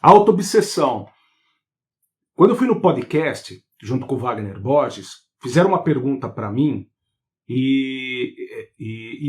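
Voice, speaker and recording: A man hosting a live online talk on spiritual therapy, animated and full of rhetorical questions. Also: on the high side.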